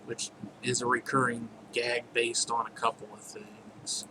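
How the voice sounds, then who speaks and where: A man's voice: mid-range voice, monotone, measured pace. A man casually walking through his own game, rambling with jokey asides, over a noisy recording. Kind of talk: casual gameplay commentary.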